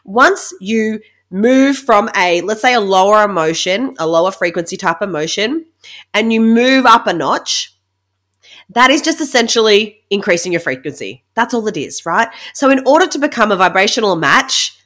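A woman's voice: mid-range voice, lively intonation, normal speed, a bit bright. Chatty woman with a nasal, blocked-nose voice. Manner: chatty, informal, emphatic with check-in tags like "right?". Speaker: podcast host and money mindset coach. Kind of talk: casual solo podcast talk.

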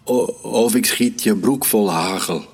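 A man voicing a bossy young child who plays a hunter, shouting and swaggering. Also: lowish voice, fairly even intonation, slow pace, pitched above the performer's own voice. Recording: reverberant room with soft music.

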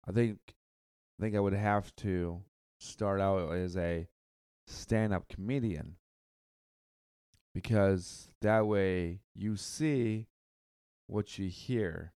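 A man hosting a solo podcast, talking casually in a halting way, repeating words and stuttering now and then. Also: low-pitched, darkish tone, clean tone, no room sound, clean studio sound. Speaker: podcast host.

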